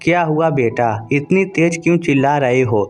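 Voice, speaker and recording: A man's voice: a little high, normal speed, darkish tone, soft background music, natural voice. A man voicing a stern, fair-minded elderly father. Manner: stern, scolding.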